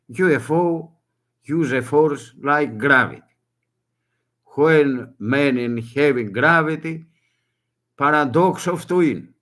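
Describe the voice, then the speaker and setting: This medium-pitched, fairly bright voice belongs to an older man whose native language is Greek. Recording a video himself, he urgently appeals to the public in broken English, repeating short phrases in his Greek accent.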